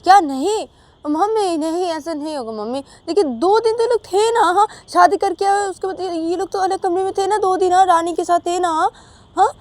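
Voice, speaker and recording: A woman voicing a young husband who argues loudly and insistently with his mother in a spoken story. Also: moderate pace. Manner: loud, high, insistent questioning.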